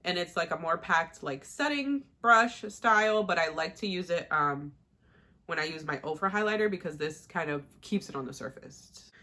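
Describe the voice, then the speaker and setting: Young woman vlogger, bright and chatty, slightly low voice, rambling makeup chat. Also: animated, normal speed. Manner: chatty, rambling, with fillers and laughs. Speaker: beauty vlogger. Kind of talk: casual makeup tutorial chat.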